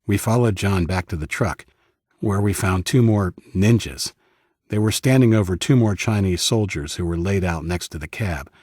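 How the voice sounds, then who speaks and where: A male audiobook narrator with a deep, husky, slightly mellow voice reads a first-person story at a moderate pace. The sound is clean studio audio with no room sound.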